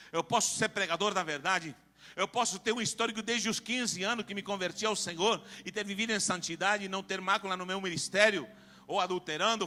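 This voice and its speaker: A preacher with a strikingly high, bright and sharp voice. He swings between fervent shouting and quieter, hushed stretches, hammering his points home by repeating phrases again and again. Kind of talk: Pentecostal-style preaching.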